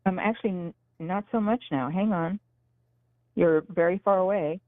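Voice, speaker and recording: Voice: mid-range voice, moderate pace, no room sound. Caller on a dropping, tinny phone line. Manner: checking the connection. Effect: call dropping out over a phone line.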